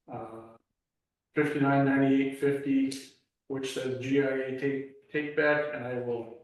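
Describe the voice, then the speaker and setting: A man's voice: medium pitch, a little mellow. Man reading figures in an echoey room. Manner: slow, halting reading of figures with many fillers. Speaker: club treasurer and trail master. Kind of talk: meeting report. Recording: echoey room, mic far off.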